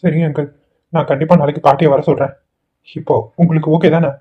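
A man plays a kind young man in a cartoon, calming an older man with a gentle, slightly high voice. The audio is tinny and phone-like. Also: fast talker, slightly rough. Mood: reassuring. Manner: gentle, reassuring. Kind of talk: Tamil cartoon voice acting.

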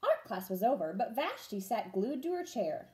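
A young woman reading a picture book aloud to children, deliberate and expressive. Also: a little high. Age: young adult. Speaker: teacher reading a story to children. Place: room at home.

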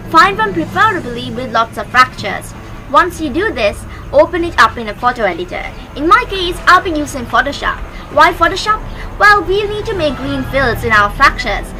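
Speaking into a close, stand-mounted microphone, a young female tutorial host delivers scripted step-by-step instructions in a high voice. The audio quality is poor, and background music runs underneath.

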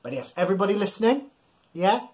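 A man in his thirties hosts a children's storytime, reading a picture book aloud interactively from a small room at home. His voice sits high and moves fast as he plays it up, speaking directly to young listeners, encouraging them, and animatedly acting things out.

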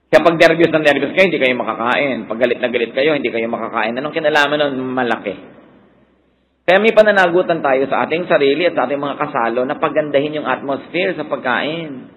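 A man's voice: mid-range voice, fairly quick, phone-quality sound. A man with a Filipino accent preaching a sermon, mixing Tagalog and English and now and then mimicking people who complain.

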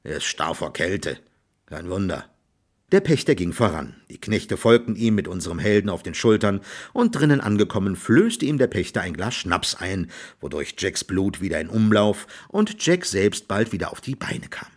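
A man narrating an audiobook in an expressive storytelling manner. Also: fairly low pitch, normal speed, husky. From Germany. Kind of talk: scripted narration.

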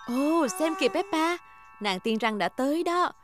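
A woman voicing a gentle, sensible mother pig in a dubbed preschool cartoon, over music. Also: high-pitched, lively intonation, normal speed. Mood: motherly.

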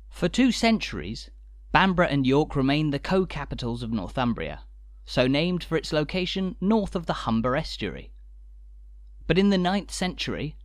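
A man giving scripted, measured narration for a walking tour, informative with a light dry humour. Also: fairly high pitch, dry recording.

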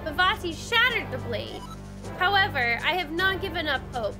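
A woman's voice: extremely high pitch, animated, moderate pace, music in the background. A woman voicing a grave, earnest old king in a fantasy video game.

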